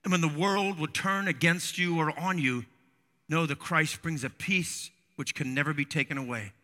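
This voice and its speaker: A man preaches a sermon, his voice high and very bright. His delivery is earnest and builds into fervent emphasis. A long reverb trails each phrase, as if he stands in a large hall. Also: moderate pace.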